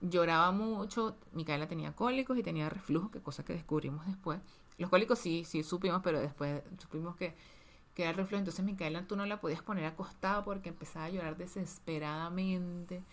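In a candid, casual podcast conversation, a co-host with a toddler speaks emotionally and openly about motherhood. Her voice is on the low side and quick, and she leans on repeated words for emphasis.

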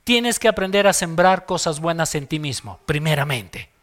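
A man's voice: fairly high pitch, animated, moderate pace, a bit bright. A man preaching a sermon as pastor, emphatic and acting out little dialogues.

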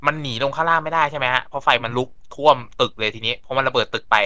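A man's voice: medium pitch, rapid-fire, pushed and bright, clear, resonant tone, dry recording. A man chatting casually as a podcast panelist, retelling plots at length and acting out lines. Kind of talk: casual chat.

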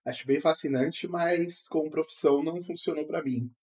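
A man's voice: a little high, moderate pace, a little mellow. A man with a Brazilian Portuguese accent talking informally and slangily in a casual podcast chat.

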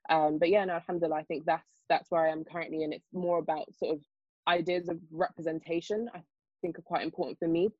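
A young woman of Nigerian heritage raised in the UK, a guest on a discussion panel, talking quickly with many fillers and restarts. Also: sits low, level tone, no room sound, lo-fi sound. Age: young adult. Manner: fast, hesitant, lots of fillers and restarts. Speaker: panel guest, children's author.

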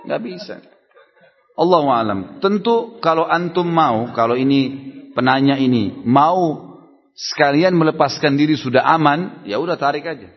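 A man preaches to a study gathering, answering questions in a loose, conversational manner and throwing rhetorical questions at his listeners. His voice is a little husky, at a middling pitch. The sound is dull and lo-fi, with a long hall echo around it. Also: normal speed. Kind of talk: sermon Q&A at a religious study gathering.

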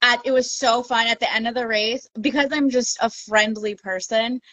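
A woman chats casually as a podcast guest, in a higher, bright, forceful voice. She tells stories with energy and slips into quotes. The sound is dry and a bit dull. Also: moderate pace, dry recording. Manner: chatty, animated storytelling with acted-out quotes. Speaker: podcast guest, ultra runner. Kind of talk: casual interview chat.

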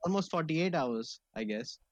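A man's voice: a little high, expressive, moderate pace, dull audio. A man co-hosting a podcast in casual, slangy, rambling chat, often repeating his words. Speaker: podcast co-host.

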